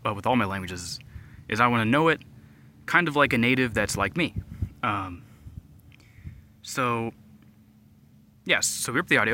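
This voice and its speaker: A young man explains things in a loose, rambling way, tossing in "like" and "right?" as he goes. His voice sits fairly low but comes across sharp and forceful. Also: a little hiss or hum. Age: young adult. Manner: rambling, many fillers and "right?" tags. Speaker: podcast host. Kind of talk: casual explanatory monologue.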